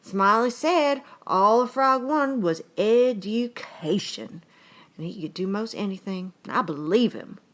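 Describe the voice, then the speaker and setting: This actor reads in a mid-range, animated voice close to how she'd normally talk, spinning a comic short story in the persona of a folksy old-time storyteller. Earnest and conversational, she rambles and stretches out her rustic-dialect lines, sounding excited and full of admiration.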